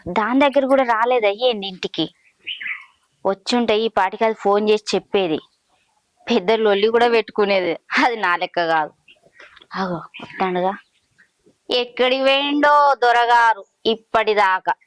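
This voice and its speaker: A woman's voice: medium pitch, normal speed, pauses often, no echo, natural voice. A woman, playing a sarcastic village wife who taunts her husband. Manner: sarcastic, needling. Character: mocking village wife, the other of two.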